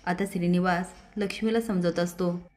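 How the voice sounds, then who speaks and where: A woman's voice: fairly low pitch, steady tone, moderate pace, darkish tone, soft background music. A woman retelling a TV serial episode, reading every character's lines in her own plain voice. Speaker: serial recap narrator.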